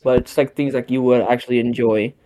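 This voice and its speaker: A young man with an ordinary mid-pitched voice, chatting casually. He is blunt and swears freely while retelling stories. The talk is loose and unscripted. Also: fairly even intonation, fairly quick, mellow. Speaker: podcast co-host. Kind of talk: casual chat.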